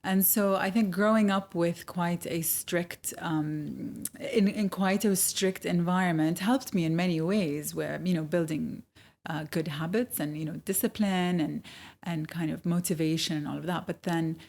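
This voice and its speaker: Reflective Saudi-born woman chef, low voice. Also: steady tone, unhurried, darkish tone. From Saudi Arabia. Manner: reflective, hesitant with many fillers, laughs easily. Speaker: guest chef. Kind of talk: casual interview conversation.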